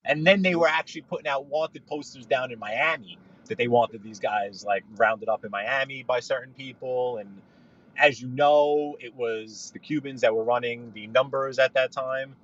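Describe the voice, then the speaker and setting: Telling stories from the driver's seat, this livestream guest from New York circles back and restarts his sentences in a rambling, casual podcast chat. His voice is bright, forceful, and medium-pitched, and he talks at a normal speed. The sound is dull and lo-fi, like a livestream feed, recorded in a car.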